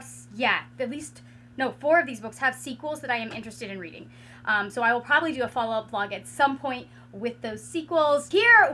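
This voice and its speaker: Woman book vlogger, hoarse and raspy, bright tense tone, higher-pitched, casual home chat full of fillers. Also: a little hiss or hum. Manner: rambling, many filler likes and restarts. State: hoarse after losing her voice. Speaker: book reviewer. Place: at home with a ring light.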